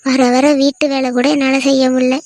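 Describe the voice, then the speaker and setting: A woman voicing a sharp-tongued village mother in a cartoon who grumbles and scolds. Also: high voice, completely flat delivery, brisk, natural voice. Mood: weary. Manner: grumbling, scolding, talks to herself. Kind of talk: cartoon voice acting.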